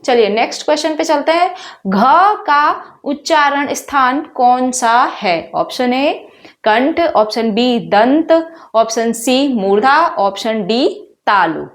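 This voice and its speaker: A woman teacher with a high voice walks through exam questions at an unhurried pace. She keeps quizzing her students and says each sound out loud, drilling it. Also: lively intonation. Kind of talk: exam-prep lesson.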